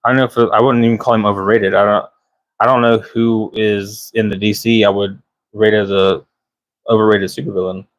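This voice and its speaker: A man's voice: lowish voice, flat delivery, a little fast, dry recording, muffled recording. A man co-hosting a casual podcast chat, blunt and joking, swearing casually. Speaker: podcast co-host.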